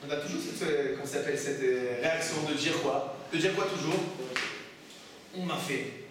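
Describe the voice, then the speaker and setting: Man, rabbi giving a class, high voice, emphatic rhetorical questions, very echoey, distant mic. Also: fast. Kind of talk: lively Torah class with questions to students. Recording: echoey room, from far off, faint noise.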